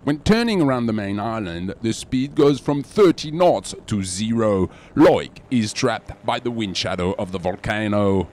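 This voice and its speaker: French-accented male presenter, measured dramatic news read. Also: on the low side, lively intonation, darkish tone, a little hiss or hum. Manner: measured, dramatic voice-over delivery. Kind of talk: scripted sports news narration.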